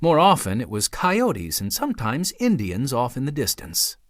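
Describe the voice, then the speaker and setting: A man narrating a biography audiobook in a measured storytelling manner with dramatic pauses. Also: mid-range voice, huge pitch swings, no echo, clean studio sound. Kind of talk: scripted narration.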